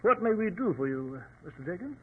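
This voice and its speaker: An actor in a 1940s radio drama playing a loyal, easily flustered doctor sidekick with an excitable, blustering manner. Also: male voice, high-pitched, brisk, breathy edge, heavily acted. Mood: earnest. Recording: noisy, tinny, clicking old radio recording.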